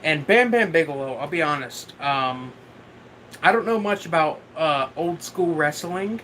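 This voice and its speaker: A man livestreaming while drunk, chatting casually and haltingly as he answers viewers, often losing his thread and swearing now and then. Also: a little high, animated, a bit bright, a little hiss or hum. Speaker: livestream host.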